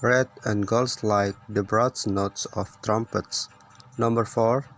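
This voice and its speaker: A man reads a class quiz aloud item by item, slowly and evenly. His pace is deliberate. A faint background noise runs under the recording. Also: fairly low pitch, fairly even intonation, fairly bright tone. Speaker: student presenter. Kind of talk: reading quiz lines aloud.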